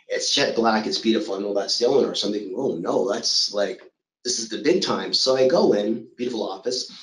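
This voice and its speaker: A middle-aged man giving a motivational talk, telling his own story in a lively way and acting out what others said to him. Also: on the low side, roomy sound, low-quality recording. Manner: storytelling, animated, acts out quoted voices. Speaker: motivational speaker.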